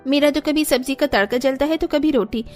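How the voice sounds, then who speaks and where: A woman's voice: sits high, a little fast, a little mellow, soft background music, lightly acted. A woman voicing a young daughter-in-law who complains about cooking alone in a cartoon story. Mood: grumbling.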